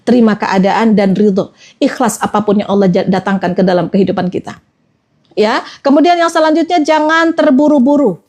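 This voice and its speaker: A woman's voice: medium pitch, fairly quick, darkish tone. A woman, giving an Islamic motivational talk as a trainer and coaxing her listeners with repeated phrases. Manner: repetitive, coaxing, addresses listeners as friends.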